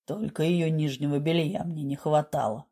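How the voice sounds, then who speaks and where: Brief: resentful young heroine, read by a woman, sullen and husky, audiobook. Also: low-pitched, fairly even intonation, moderate pace, warm tone, pitched below the performer's own voice. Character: young woman, bitter and defiant.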